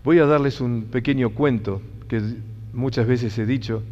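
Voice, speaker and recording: In a long-reverb hall with dull sound, a man with a Rioplatense Spanish accent delivers an inspirational talk at normal speed. His voice is medium-pitched with a darkish tone, and he speaks earnestly and emphatically, returning again and again to key phrases.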